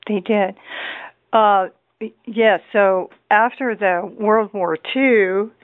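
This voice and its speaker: A woman's voice: mid-range voice, steady tone, slow pace, no room sound. A woman hosting a radio interview, her voice in a middle range, asks question after question with open curiosity. The sound is dry and narrow, like a voice on a telephone line. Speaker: radio show host. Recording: dry, phone-like narrow band.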